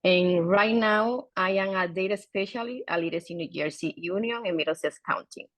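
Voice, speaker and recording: A woman's voice: mid-range voice, normal speed, fairly bright tone, no echo. A woman from the Dominican Republic answering on a panel, speaking directly and simply with some slips. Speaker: panelist, former adult learner.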